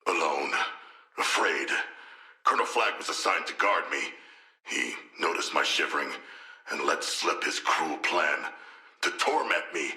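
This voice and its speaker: A man's voice: deep voice, bright, forceful tone, roomy sound, exaggerated voice. An actor playing a huge, earnest and naive shark-man royal in a video game, speaking in stilted, formal and solemnly literal language. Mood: wounded, grave. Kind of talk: scripted game character voice lines.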